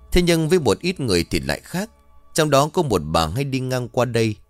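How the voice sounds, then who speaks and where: A man's voice: on the low side, no echo. A man narrating a ghost story in a dramatic, scripted storytelling manner.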